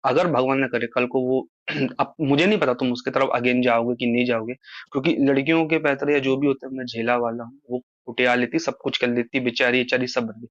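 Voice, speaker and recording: A man of medium pitch and slightly bright tone talks on a casual phone call, recorded muffled and lo-fi without echo. He goes on at length, explaining himself and appealing to the person listening.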